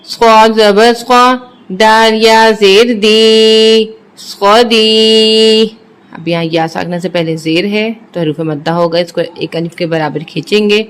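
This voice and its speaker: A Quran reading teacher with a Pakistani Urdu accent, sounding out letters and syllables slowly and then explaining each rule quickly. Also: fairly even intonation, fairly bright tone, clear, resonant tone. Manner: drawn-out syllables, then brisk low explanations. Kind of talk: slow letter-by-letter recitation drills with quick explanations.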